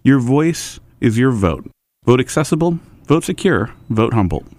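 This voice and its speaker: A man's voice: medium pitch, big pitch swings, measured pace, darkish tone. A man, a county official, reading a scripted public service announcement.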